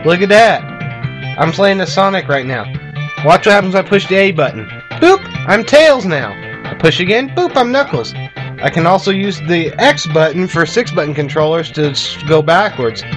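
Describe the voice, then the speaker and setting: Filmed off a TV screen with an amateur camera, this clip has video game music playing as a man gives laid-back, profane gameplay commentary to his viewers. He's a gaming video host whose voice sits high, animated, at a moderate pace.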